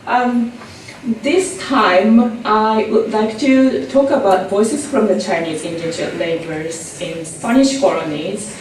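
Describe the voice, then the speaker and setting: A Japanese woman presents an academic talk in English at a conference, speaking with a Japanese accent and frequent ums and uhs. Her mid-range, slightly mellow voice takes it slowly, and the distant mic in the echoey conference room picks up slight background noise.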